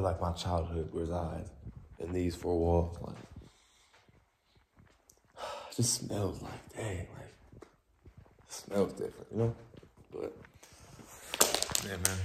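A man's voice: deep voice, creaky, a little hiss or hum. Young man, laid-back slangy vlog chat. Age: young adult. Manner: laid-back slangy talk, drifting soft and reflective. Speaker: vlogger. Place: quiet indoor room, an old church. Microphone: phone camera held close.

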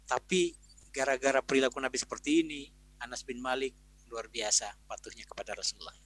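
A man's voice: medium pitch, no room sound, rough recording. A man giving a conversational parenting talk in a webinar, explaining ideas and acting out what parents and teachers say, heard through a video call microphone. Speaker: Islamic parenting speaker. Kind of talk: webinar talk answering a question.

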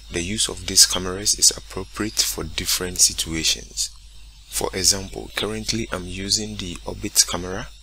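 A man walking through a software tutorial step by step, often saying "okay, great" between steps. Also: low voice, slight background noise. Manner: steady step-by-step explaining, repeats "okay, great". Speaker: instructor. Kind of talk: screen-recorded software tutorial.

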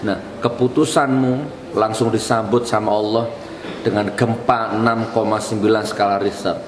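A man's voice: fairly low pitch, little pitch movement, moderate pace, a crowd in the background. A male preacher, giving a fiery, mocking sermon that rises into outbursts. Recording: echoey hall with faint ambience.

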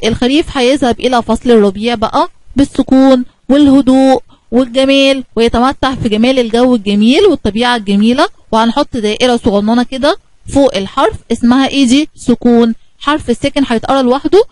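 A woman with an Egyptian Arabic accent, teaching a kindergarten lesson in a lively, coaxing way and asking the children questions. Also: on the high side, quick pace, no echo, low-quality recording.

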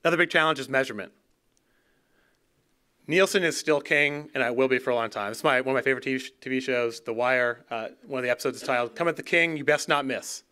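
Bright, smooth-voiced man giving a keynote. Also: medium pitch, quick pace. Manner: fluent, conversational, repeats words at restarts. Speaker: keynote speaker. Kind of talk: conference keynote talk. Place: dark auditorium stage. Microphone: podium gooseneck mic.

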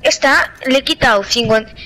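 A woman with a Spain Spanish accent chatting with teammates during a game, with excited bursts of callouts. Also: high-pitched, moderate pace, background noise. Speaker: gamer. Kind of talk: casual gaming chat with teammates. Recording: game sounds and clicks behind the voice.

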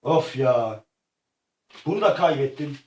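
A man acting out a comic make-believe adventure, excitable and slangy, often yelping and crying out. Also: mid-range voice, slow. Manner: excitable, yelps and cries out often; slangy, rough-edged street talk. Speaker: vlogger. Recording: echoey room, far from the mic.

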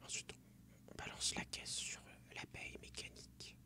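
A young man whispering ASMR game commentary softly and close, right in the listener's ear. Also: moderate pace. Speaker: game streamer. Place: small room at home, indoors.

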